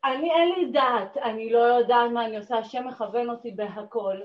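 A woman sharing an emotional personal testimony in a class, dramatic and swinging between hushed and loud. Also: fairly high pitch. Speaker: class participant. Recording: dull, roomy recording.

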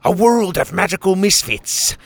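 A man voicing a boastful male pelican pirate captain with swaggering pirate talk and drawn-out words. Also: high voice, very animated, creaky, pitched above the performer's own voice, heavily acted.

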